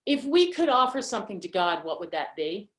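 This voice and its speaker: A woman hosting an online holiday gathering, talking casually and haltingly with many fillers over a video call mic. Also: medium pitch, sing-song, a bit bright. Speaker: event host.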